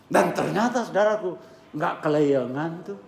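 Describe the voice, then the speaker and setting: A male pastor preaching a sermon with a hoarse voice, swinging from hushed tones to shouting and mixing English phrases into his talk. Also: fairly high pitch, animated, moderate pace, reverberant. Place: church.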